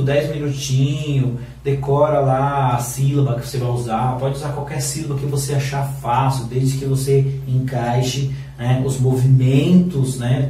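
A man's voice: medium pitch, warm tone, heavy reverb, far from the mic. A man with a Brazilian Portuguese accent, a patient music teacher who speaks rhythm syllables aloud in an online lesson.

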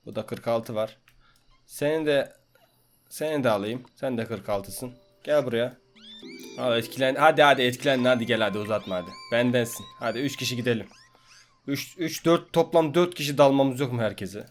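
A man's voice: mid-range voice, brisk, soft background music. A young man giving casual gaming commentary, teasing and trash-talking the creatures on screen in slangy, brash talk. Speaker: gameplay commentator.

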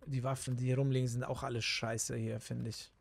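A man's voice: mid-range voice, little pitch movement, a little fast, vocal fry, slight background noise. A man, chatting casually and swearing while streaming a game from a close desk mic. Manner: grumbling, swearing, slangy. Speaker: gaming streamer. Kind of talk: casual live gameplay chat. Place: indoor room at a gaming setup. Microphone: desk microphone close up, with headset.

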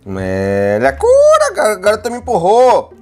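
Playful Brazilian man with wildly swinging pitch. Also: a little slow. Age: adult. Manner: playful, excitable, breaks into high-pitched whoops. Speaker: gaming video host playing alongside a child. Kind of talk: casual gameplay commentary. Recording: music behind the voice.

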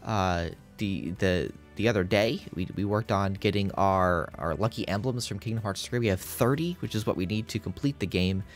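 Male let's-play host, deep voice, rambling and casual, groggy morning voice, faint game music behind. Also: normal speed, hardly any pauses. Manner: rambling, many fillers and restarts. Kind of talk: casual gameplay commentary.

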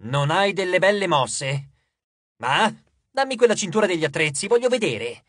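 A man's voice: sits high, very animated, a bit bright, no room sound, studio quality, full character voice. Acmone, a man doing a smug drawling dwarf. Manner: slow, teasing, smug drawl. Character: sly teasing male dwarf, drawling. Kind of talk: audiobook character voice.

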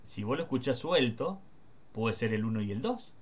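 A man with an Argentine Spanish accent, teaching guitar in a casual one-on-one lesson, explaining rhythm with quick rhetorical questions. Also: mid-range voice, big pitch swings, breathy edge. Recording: guitar playing in the background.

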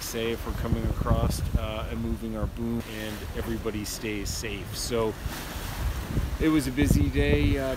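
A man in his forties vlogging to a handheld camera on a sailboat deck at sea, explaining things in a relaxed way with many fillers. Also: mid-range voice. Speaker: sailing travel vlogger. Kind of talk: casual vlog to camera. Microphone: handheld camera at arm's length. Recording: loud wind and water noise. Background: wind and waves.

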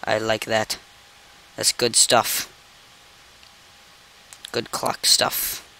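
A man's voice: fairly low pitch, completely flat delivery, very slow, gravelly, pushed and bright, low-quality recording. A young man hosting a game commentary video, exasperated and incredulous, repeatedly exclaiming "no" as he plays at his computer. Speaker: gaming channel host. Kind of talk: let's play commentary.

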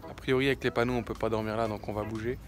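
A young man in his twenties chats into a phone held at arm's length, loose and relaxed, filling pauses with little sounds. Music plays under his voice the whole time. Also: fairly low pitch. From France. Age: 20s. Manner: relaxed chatty, lots of fillers. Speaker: vlogger. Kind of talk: casual travel vlog. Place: outdoors by the sea and in a camper van.

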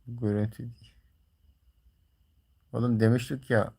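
A man's voice: mid-range voice, little pitch movement, a little slow, gravelly, darkish tone, slightly rough. A man livestreaming, talking casually and colloquially to viewers in a grumbling, teasing way. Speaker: live streamer.

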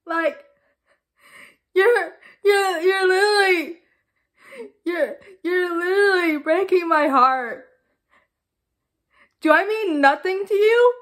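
Woman acting a very high-pitched, tearful heartbroken young woman. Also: fairly bright tone, heavily acted. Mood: heartbroken sorrow. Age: young adult. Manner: tearful tragic heroine sorrow, halting, pleading. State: crying. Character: heartbroken, disbelieving young woman being dumped. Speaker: actress performing a monologue. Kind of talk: dramatic monologue. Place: small plain room indoors.

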